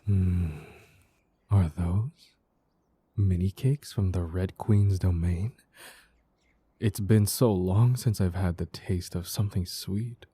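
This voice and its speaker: Guy doing a mad flirty cat man for roleplay audio, really dark mellow voice, husky, slow n teasing. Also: low-pitched, fairly even intonation, heavily acted. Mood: playful, musing. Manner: slow teasing purr, coy pet names. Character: mischievous, flirtatious mad male Cheshire cat. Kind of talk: intimate roleplay audio acting.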